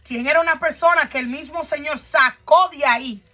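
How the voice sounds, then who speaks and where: A woman preaching, her voice pitched very high and ringing bright. She pleads fervently and speaks straight to the listener, asking question after question in a passionate sermon. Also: moderate pace. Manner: fervent, addresses listener directly with rhetorical questions.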